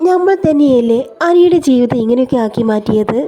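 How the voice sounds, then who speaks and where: A woman's voice: high voice, lively intonation, a little fast, dark tone, lo-fi sound. A woman voicing a worried elderly grandmother who speaks in an anxious, pleading way.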